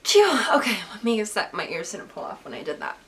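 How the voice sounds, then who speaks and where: Speaking briskly with big swings in pitch, a young woman with a medium, slightly bright but stuffy voice, just recovering from illness, takes viewer photography questions in a casual vlog. She rambles with lots of "like" and restarts; the camera's built-in mic adds slight background noise.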